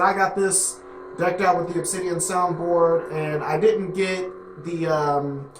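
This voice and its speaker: A man casually reviewing a product, rambling with many fillers and restarts. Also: sits high. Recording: echoey room.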